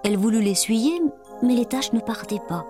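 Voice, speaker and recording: A woman reading a fairy tale aloud in an expressive, dramatic storytelling manner. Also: fairly high pitch, normal speed. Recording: music playing behind.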